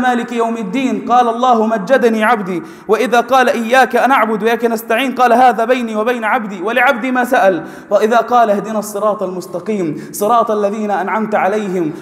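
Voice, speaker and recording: A high-voiced man delivers a Friday sermon with mounting fervor, pressing his points until they ring out near a shout. His voice carries a long reverb of a large hall. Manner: fervent, rising to emphatic near-shouting in exhortations. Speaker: preacher.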